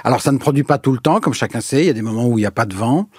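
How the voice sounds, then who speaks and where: A man's voice: medium pitch, lively intonation, rapid-fire, darkish tone, breathy edge, dry recording, clean studio sound. A man answering interview questions as an energy expert, explaining at length with frequent hesitations and fillers. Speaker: energy researcher, guest.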